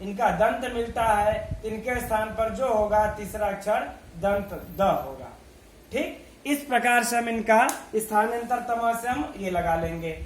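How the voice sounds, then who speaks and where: Male grammar teacher, very high voice, slow and methodical, echoey room recording. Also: slight background noise. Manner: slow, methodical, recites letters one by one, asks and answers his own questions. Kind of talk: online video lesson.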